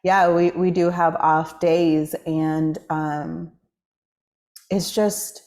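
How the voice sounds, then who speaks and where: Gentle reflective woman, lowish voice. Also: little pitch movement, extremely slow. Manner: soft, reflective, with many fillers and self-corrections. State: emotional, a little off. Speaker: podcast host. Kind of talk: casual personal vlog monologue. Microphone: camera.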